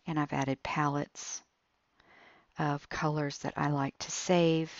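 A woman with a low voice talks slowly through a tablet app tutorial, explaining each step. The recording is dull and dry, with soft tapping clicks behind her. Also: level tone, no echo.

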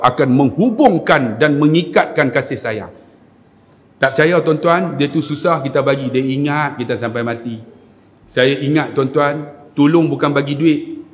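A man with a Kedah accent giving a mosque lecture, telling stories and acting out shouted scenes. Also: a little high, moderate pace. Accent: Kedah Malay. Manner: animated, acts out scenes with shouted voices. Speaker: religious lecturer (ustaz). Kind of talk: sermon with humorous storytelling. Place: mosque hall. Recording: echoey mosque hall.

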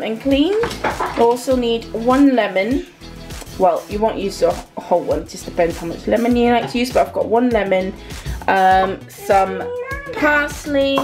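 A young woman chatting through a recipe as she cooks in her home kitchen, hesitant and casual with plenty of ums. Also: a little high. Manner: chatty, hesitant with many ums, talks while cooking. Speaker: cooking vlogger. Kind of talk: casual cooking walkthrough. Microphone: camera mic in the kitchen.

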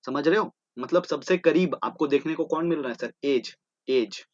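Male tutor, exam-prep lecture, asks and answers himself, slightly high-pitched, dull lo-fi recording. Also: normal speed, dry recording. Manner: repetitive, drilling terms, asking and answering his own questions. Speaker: teacher. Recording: dull lo-fi sound.

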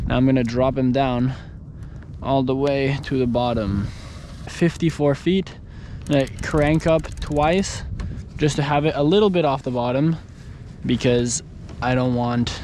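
A young man on a kayak out at sea, talking through his fishing setup in a relaxed, instructive way, recorded on an action camera. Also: mid-range voice, a little hiss or hum. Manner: relaxed, instructional, talks while handling gear. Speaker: fishing vlogger. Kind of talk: casual outdoor explanation. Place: kayak on open ocean, outdoors. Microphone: action camera on a mount.

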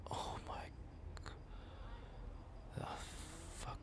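In an intimate ASMR roleplay, a man plays a young best friend who is jealous yet tender as he confesses his love. He murmurs haltingly with breathy sighs, sounding frustrated and hurt.

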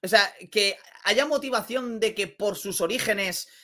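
Man, Spain Spanish accent, bright forceful voice, lively basketball commentary, repeats himself for emphasis. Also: high voice, unhurried. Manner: energetic, exclamatory, repeats phrases. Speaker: basketball vlogger.

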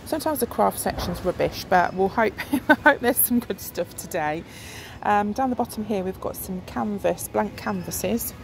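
In a big, noisy discount shop, a middle-aged vlogger films the aisles on her phone, chatting casually and thinking aloud with lots of ums. Her gravelly, mid-range voice has lively intonation and a normal speed.

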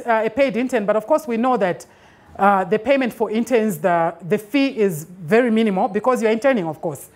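A Zambian woman in her forties giving a film industry master class. She speaks emphatically and keeps checking in with her listeners. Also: on the high side. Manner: emphatic, checks in with a frequent "okay?". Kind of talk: instructive talk to an audience. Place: bright indoor studio with banner backdrop.

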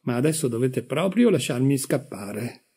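A man's voice: medium pitch, expressive, moderate pace, dark tone, breathy edge. A man reading aloud, voicing a headstrong young woman who firmly turns down help. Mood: insistent. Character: brisk, headstrong young woman leaving early.

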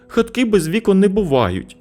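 A man's voice: sits high, huge pitch swings, normal speed, a little mellow, soft background music, pitched above the performer's own voice. Man doing a whiny little boy. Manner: capricious, pestering. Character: whiny three-year-old boy, demanding. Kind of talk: storybook narration.

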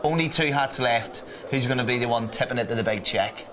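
A man presenting a poker broadcast in a measured, scripted way. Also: medium pitch, crowd noise.

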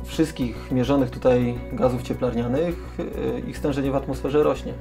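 A middle-aged man heading a weather observatory, answering interview questions in a measured, factual way with small hesitations. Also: mid-range voice, fairly even intonation, music in the background. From Poland. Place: small office inside a mountain observatory.

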